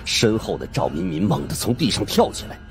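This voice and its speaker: A deep-voiced male audiobook narrator tells a first-person suspense tale a little fast, over a clear music bed. His storytelling is animated and dramatic, with extremely varied pitch.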